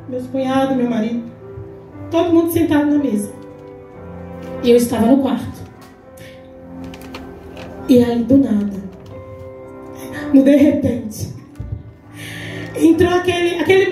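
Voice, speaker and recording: With a very high-pitched, warm voice and a Brazilian Portuguese accent, a deaconess in her forties preaches an emphatic testimony sermon at a church women's congress, dramatizing the dialogue she tells. The recording comes from far off in a large church hall, echoey with faint music.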